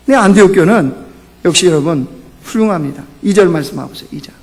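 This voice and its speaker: A man preaching a Sunday sermon as pastor, asking rhetorical questions, climbing to emphatic peaks and then dropping low. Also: animated, quick pace, gravelly. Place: church sanctuary. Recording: church hall reverb.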